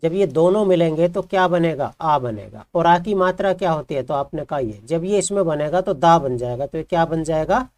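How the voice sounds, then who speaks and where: A man's voice: fairly high pitch, lively intonation, moderate pace, hardly any pauses, a little mellow, no room sound. A man teaching a grammar lesson who explains patiently and keeps asking his students questions, then answering them himself. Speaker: Hindi teacher.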